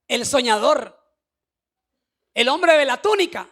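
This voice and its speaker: High gravelly preaching pastor. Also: male voice, lively intonation, slow. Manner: preaching with shouted, sing-song climaxes and soft asides. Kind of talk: sermon. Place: church.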